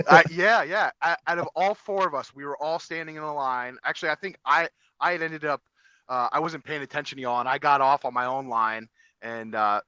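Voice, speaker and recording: Bright-voiced rambling man. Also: on the high side, fairly quick, clear, resonant tone, no echo, dull audio. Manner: rambling storyteller, many fillers and restarts. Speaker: podcast co-host. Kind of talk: casual chat.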